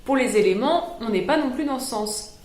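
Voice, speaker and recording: A woman with a fairly high voice walks her viewers through a casual lesson. She keeps it light with teasing rhetorical questions and ironic little asides. The room around her rings with a noticeable echo. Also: lively intonation, moderate pace, darkish tone, a little hiss or hum. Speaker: astrology channel host. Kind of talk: casual explanatory video lesson.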